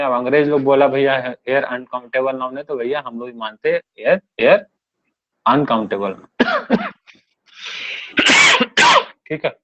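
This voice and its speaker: A male teacher giving a classroom grammar lesson, explaining step by step and often checking that his students follow. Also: on the high side. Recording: dull lo-fi recording.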